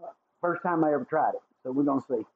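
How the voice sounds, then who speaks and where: A man's voice: fairly high pitch, quick pace, breathy edge. A man with a Southern accent casually chatting on a livestream while he builds a guitar, folksy and thankful toward his viewers. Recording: tinny phone-like sound with faint noise.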